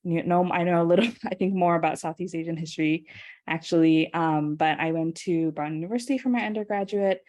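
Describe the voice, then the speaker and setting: A woman's voice: on the low side, fairly quick, darkish tone. A young woman from Singapore giving an online guest lecture, chatty and casual with many ums and small laughs.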